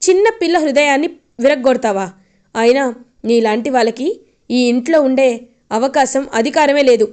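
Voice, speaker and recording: A woman's voice: high voice, normal speed, long pauses, a little mellow, clean tone, lightly acted. A woman voicing a stern old grandfather who harshly rebukes a scheming woman, in a retelling of a TV serial. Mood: furious. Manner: harsh, contemptuous. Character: furious stern old grandfather, head of house.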